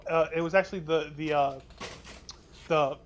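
A man's voice: a little high, fairly even intonation, moderate pace, lo-fi sound, a little hiss or hum. A young man co-hosting a casual gaming podcast, rambling with many restarts and swearing freely. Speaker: podcast co-host.

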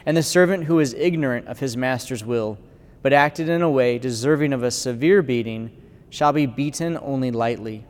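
A man's voice: mid-range voice, normal speed. A clergyman reading the gospel and preaching a conversational homily in a church with a cathedral-like echo. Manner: conversational preaching with fillers, bursts of loudness. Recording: long church reverb.

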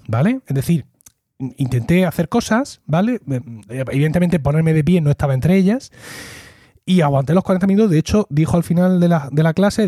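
A man's voice: fairly high pitch, warm tone, no room sound, clean studio sound. A middle-aged man hosting a podcast, chatting casually and acting out quoted dialogue as he tells a story. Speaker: podcast host. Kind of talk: casual chat.

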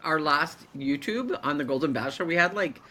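A woman's voice: low voice, expressive, a little fast, over a noisy crowd. A woman co-hosting a podcast over a video call, teasing and joking with casual swearing. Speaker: podcast co-host. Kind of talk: casual chat.

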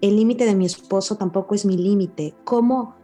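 A woman hosting a casual conversation about parenting, expressive and animated as she recalls family scenes. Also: mid-range voice, moderate pace, soft background music. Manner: expressive, acts out relatives' scolding voices. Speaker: host.

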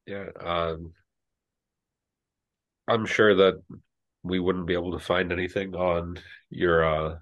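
Man, game master, very low voice, slow drawl, lots of ums and uhs. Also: flat delivery, dull audio. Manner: unhurried, with many fillers. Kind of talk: narrating a tabletop game.

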